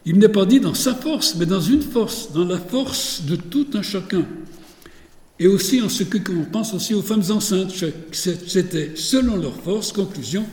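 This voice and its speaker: A man's voice: high-pitched, expressive, unhurried, darkish tone, echoey room, long reverb tail. A man giving a lecture on religious texts, digressive, with many fillers and restarts.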